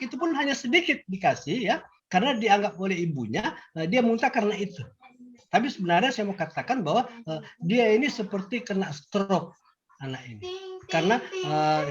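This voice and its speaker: An older man, a grandfather giving an emphatic, animated testimony to an audience. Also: high voice. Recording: dull lo-fi recording.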